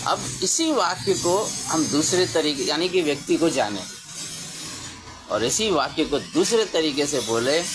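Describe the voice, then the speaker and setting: Slow, emphatic male Hindi preacher with music. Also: on the high side. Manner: slow, emphatic, with rising exclamations. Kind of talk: sermon.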